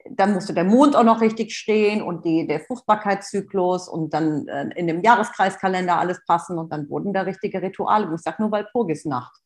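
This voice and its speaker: A woman's voice: on the low side, a little fast, hardly any pauses. A woman hosting a podcast interview, affirming and filler-heavy. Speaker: podcast host.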